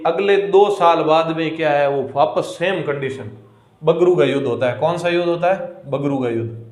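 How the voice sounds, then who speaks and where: A man with a Rajasthani accent giving a history lecture for exam students, repeating key words slowly and asking questions he answers himself. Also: on the high side, echoey room. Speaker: exam coaching teacher.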